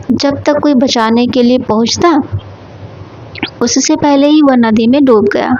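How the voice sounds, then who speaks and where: Woman storyteller, devotional folk tale, high voice, steady pace. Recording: dull lo-fi recording.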